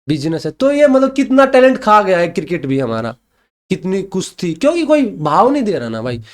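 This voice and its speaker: A young man from Haryana argues hard as a podcast guest, his voice pitched high and swinging widely. He hammers each point home and keeps calling his host "brother". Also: darkish tone. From Haryana, India. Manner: emphatic, keeps saying "bhai", repeats points. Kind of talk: heated casual debate.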